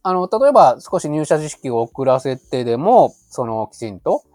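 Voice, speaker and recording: A man's voice: medium pitch, very animated, normal speed, a little mellow, no echo, clean studio sound. A man speaking as an expert guest, explaining advice conversationally in a polite, tentative way. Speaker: expert guest, labor consultant. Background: faint music.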